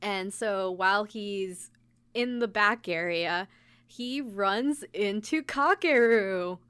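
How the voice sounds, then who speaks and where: In a slow, smooth, medium-pitched voice that's a bit bright, a woman recaps an anime episode as a podcast co-host, chatting casually and informally with plenty of "like" and quoted asides. There's no room sound.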